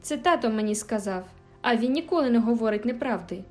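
A woman's voice: a little high, expressive, brisk, lightly acted. Woman voicing a fiery teenage girl. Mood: indignant. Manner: emphatic, indignant outbursts. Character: spirited teenage girl, quick-tempered but tender. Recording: faint background music.

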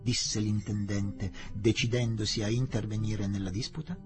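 A man reading a novel aloud for radio in a measured, expressive manner. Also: lowish voice, music in the background. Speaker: audiobook reader.

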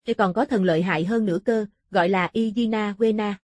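Inquisitive man on a jungle trek, voiced by a woman narrator, breathy, audiobook. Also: medium pitch, brisk, a little mellow, dry recording, clean studio sound, close to an everyday voice. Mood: curious. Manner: curious, questioning. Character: inquisitive adult male jungle traveler.

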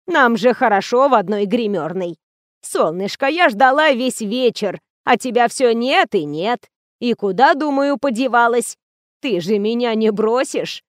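A woman's voice: a little high, no room sound, studio quality. A woman voicing a half-deaf, muddled old actress who pleads and fusses in a cracked, wheezing voice, in an audiobook.

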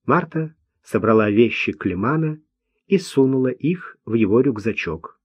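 A man narrates a novel at a slow, careful pace, his pitch rising and falling expressively. The recording is close and dry, with a slightly muffled top end. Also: animated, husky, dry recording. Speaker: audiobook reader. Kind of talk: scripted narration.

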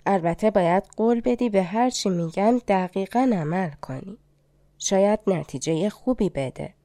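A woman voicing an old limping fortune-teller, a fairy in disguise, in a storybook reading, speaking in a gentle, coaxing and mysterious way. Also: medium pitch, expressive, no echo, studio quality, close to an everyday voice. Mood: instructing. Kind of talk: audiobook fairy tale reading.

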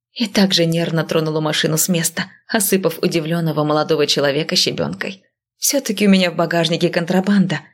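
A woman with a low-set voice reads a first-person audiobook in a measured, even manner. She tells the story steadily and plainly. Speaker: audiobook narrator.

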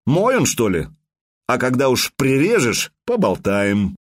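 A man voicing a shrewd customs officer who speaks slowly and deliberately with a mocking edge. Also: mid-range voice, huge pitch swings, husky, heavily acted. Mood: sly. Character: shrewd male customs officer, sly and unhurried.

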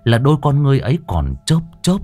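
A man's voice: medium pitch, wildly swooping pitch, fast, warm tone, soft background music. A man narrating a scripted ghost story in a dramatic, lingering way.

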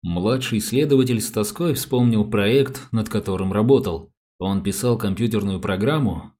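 A man narrating an audiobook with an even, unhurried reading. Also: fairly low pitch. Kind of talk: scripted narration.

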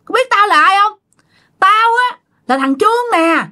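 A woman's voice: very high-pitched, expressive, moderate pace, bright, forceful tone, voice pushed up, heavily acted. A woman with a Southern Vietnamese accent voicing the wailing, pleading ghost of a young man who has possessed a villager. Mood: demanding.

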